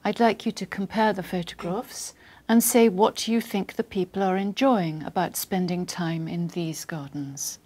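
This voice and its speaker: A woman acting as examiner, reading scripted test instructions in a formal, measured, polite way. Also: fairly low pitch, a little mellow.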